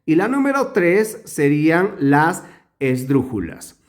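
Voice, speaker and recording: A male teacher giving a grammar lesson, slow and emphatic, drawing out words to show where the stress falls. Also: fairly high pitch, big pitch swings.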